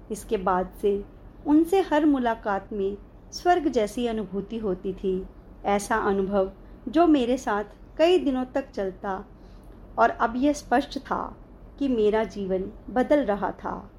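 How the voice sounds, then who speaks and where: A woman narrating her own spiritual memoir in the first person, in an expressive, heartfelt and reflective way. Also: medium pitch, slight background noise.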